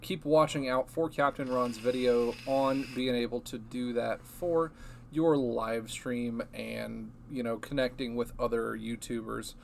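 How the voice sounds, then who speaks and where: A man co-hosting a casual livestream, his voice coming through robotic and glitchy, with a drawn-out, halting delivery. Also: mid-range voice, steady tone, vocal fry, a little hiss or hum. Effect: robotic, glitchy livestream audio. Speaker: livestream co-host.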